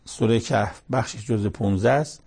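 A man whose voice sits on the low side, creaky, a little mellow and husky, explains the Quran in short verse-by-verse segments. He keeps the storytelling plain, with casual asides and everyday sayings.

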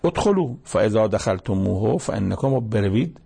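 A man's voice: on the low side, lively intonation, creaky, warm tone, breathy edge. A male preacher giving a colloquial sermon that explains scripture, telling anecdotes and breaking into emphatic exhortations.

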